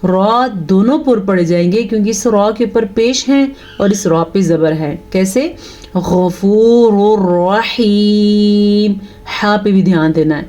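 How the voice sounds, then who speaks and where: A woman teaching tajweed, patiently explaining the rules and reciting her examples slowly and drawn out. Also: medium pitch, a little mellow.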